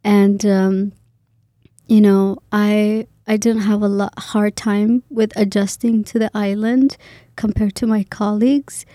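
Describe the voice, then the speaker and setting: A woman's voice: mid-range voice, level tone, takes it slowly, dark tone, no room sound, clean studio sound. A woman in her twenties from Kenya, a graduate student talking in a casual interview, hesitant with many fillers and restarts.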